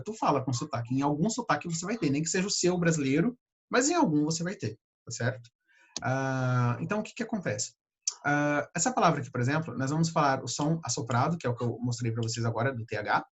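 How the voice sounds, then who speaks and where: A Brazilian man teaching English pronunciation, patiently repeating sounds slowly to demonstrate them. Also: a little high, slightly rough. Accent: Brazilian Portuguese. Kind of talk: pronunciation lesson.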